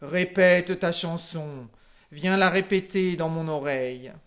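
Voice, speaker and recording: A storyteller voicing a furious male lion king who grumbles and commands loudly. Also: on the low side, slow.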